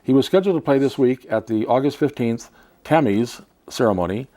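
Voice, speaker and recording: A man's voice: mid-range voice, animated, brisk, mellow. A man hosting a talk show, reading a profile aloud and adding chatty asides with frequent laughs. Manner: chatty, laughs between lines.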